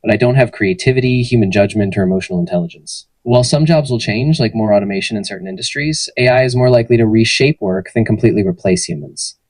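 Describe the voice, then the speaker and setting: In this interview, a synthetic male AI assistant answers conversationally in a friendly, even, polished manner. The voice is lowish, slightly rough, and fast with few pauses, and the dry recording has poor audio.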